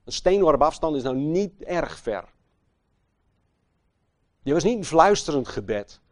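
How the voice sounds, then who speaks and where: Preaching with fervor, this man drops to hushed, unhurried lines before erupting into loud emphasis, and he poses rhetorical questions to the crowd. His voice sits a bit high and swings widely in pitch. The recording is dry.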